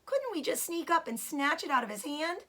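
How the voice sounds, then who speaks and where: A small hungry fox cub, as a woman reader puts it on pleads in a storybook. The voice is high and bright, with lively swoops. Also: moderate pace. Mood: pleading.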